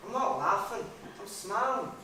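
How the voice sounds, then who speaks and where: An actor playing an excitable working-class boy, eager and blunt. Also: high voice, normal speed, noisy background, natural voice. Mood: excited. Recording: echoey stage from far off.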